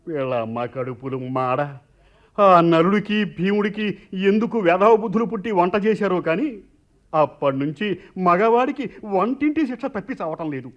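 ఒక నటుడు చేసిన గొణుక్కునే భర్త. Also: male voice, high voice, animated, normal speed, dull audio. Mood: grumbling. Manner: mutters asides, mock-subservient. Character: henpecked husband, grumbling and sarcastic. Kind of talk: radio play acting.

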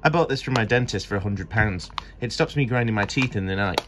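Vlogging casually while on tour as a musician, a man in his twenties keeps up jokey, chatty narration to a handheld camera in a van, a hotel room and a small venue. He talks fairly quickly in a fairly low voice, and the recording is noisy handheld phone audio from a phone or camera on a grip.

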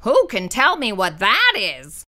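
A woman's voice: mid-range voice, wildly swooping pitch, bright, forceful tone, pitched below the performer's own voice, exaggerated voice. Woman voicing a stern monster teacher. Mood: stern, instructive. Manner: instructive, stern, measured. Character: strict long-necked male monster teacher.

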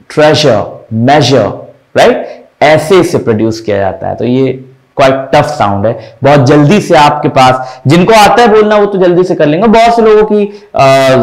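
Guy teaching english sounds, kinda high voice, says each word over and over. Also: rough recording. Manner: repeats words slowly, drilling each sound. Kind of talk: teaching English pronunciation in Hindi.

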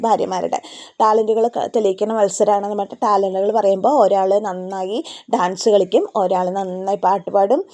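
A woman's voice: medium pitch, dark tone. A woman casually retelling a TV serial episode, with many hesitation fillers. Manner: rapid storytelling with frequent hesitation fillers. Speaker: serial recap vlogger.

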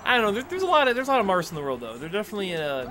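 A man's voice: sits high, wildly swooping pitch, rapid-fire. A young man casually commentating a video game match, joking and rambling, often repeating his words. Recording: music playing behind.

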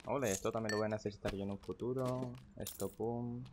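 A young gaming streamer at his home computer narrates his game in casual live-stream style, chatty and profane, muttering to himself and greeting chat viewers. His voice is fairly low, with fairly even intonation and a quick pace. Faint background noise and keyboard clicks come through the mic.

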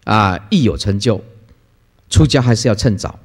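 Lively Buddhist monk preaching in a hall. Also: male voice, moderate pace. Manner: lively storytelling, acts out quoted people with playful pitch jumps and laughter. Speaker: Buddhist dharma master giving a lecture. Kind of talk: sermon. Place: lecture hall. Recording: long hall reverb.

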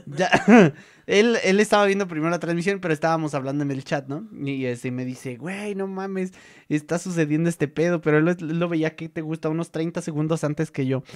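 A man's voice: fairly high pitch, a little fast. A young man with a Mexican accent, hosting a casual chat and telling stories in a joking, slangy way. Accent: Mexican Spanish. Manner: slangy, joking, animated storytelling. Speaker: vlog host.

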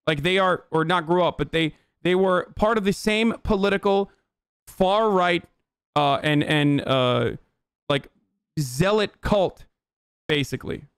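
A man in his thirties from Turkey, ranting bluntly and profanely as a political streamer in a heated livestream commentary, at home on a boom-arm studio mic. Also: measured pace, clean tone, dry recording. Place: home room, indoors.

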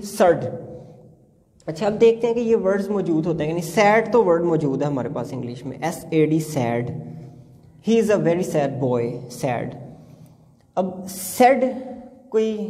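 A man with a Punjabi-tinged Urdu accent giving a phonics lesson, spelling words letter by letter and asking his listeners what sound each makes. His voice is dark and mellow. It rings in a long, hall-like reverb. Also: high voice. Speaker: phonics teacher. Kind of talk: classroom lesson.

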